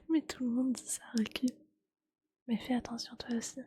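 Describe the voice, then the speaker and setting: A fairly high-pitched woman whispers in a breathy ASMR manner, a little slow, casually chatting with and lightly teasing viewers the way a streamer does.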